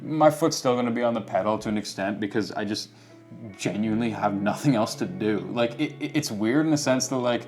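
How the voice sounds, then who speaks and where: Guy in his 20s, low voice, reflective chatty host, lots of "like"s. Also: fairly quick, darkish tone, soft background music. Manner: reflective, candid, many "like" and "you know" fillers. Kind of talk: casual chat.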